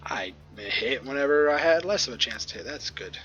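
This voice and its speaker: Bright-voiced man narrating gameplay. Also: medium pitch, animated, moderate pace, muffled recording. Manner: chatty, joking, full of ums and ohs. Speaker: gamer. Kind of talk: let's play commentary.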